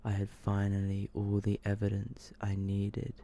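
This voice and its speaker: An ASMR video host reads short horror stories close to the mic in a hushed, low, creaky murmur that often sinks into a whisper. His delivery is slow and almost entirely flat.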